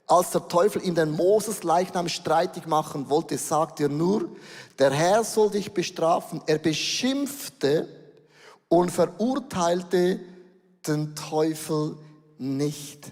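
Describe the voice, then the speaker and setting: Middle-aged Swiss German preacher, animated delivery with slow stressed words, large reverberant hall. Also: male voice, fairly high pitch. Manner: animated, shifts between slow emphatic words and rapid bursts. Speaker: pastor. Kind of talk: sermon.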